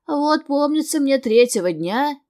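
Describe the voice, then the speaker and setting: A woman's voice: sits high, expressive, unhurried, a little mellow, pitched above the performer's own voice. A woman voicing a sneaky male guild treasurer who makes sly accusations.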